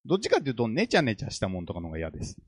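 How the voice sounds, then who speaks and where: A man's voice: fairly low pitch, huge pitch swings, rapid-fire, husky, no echo, clean studio sound. A man co-hosting a casual chat, listening attentively and chiming in often. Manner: attentive listener, frequent backchannels.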